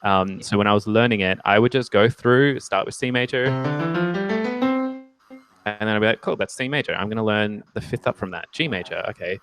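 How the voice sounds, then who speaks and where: In a casual one-on-one music theory lesson, a man with a fairly low voice talks a little fast. He's chatty, works through ideas step by step with lots of ums and okays, and jokes playfully at his own expense.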